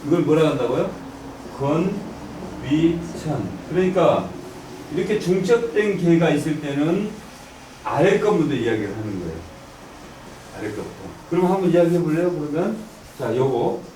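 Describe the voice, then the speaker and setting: A man's voice: fairly high pitch, very animated, brisk, mellow, a little hiss or hum. A man teaching an I Ching class, quizzing the students and drilling the readings aloud. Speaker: I Ching lecturer. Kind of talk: classroom lecture. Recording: echoey room, from far off.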